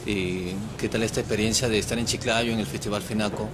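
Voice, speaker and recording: A man interviewing filmmakers with brisk, short questions outdoors. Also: on the low side, steady tone, background noise.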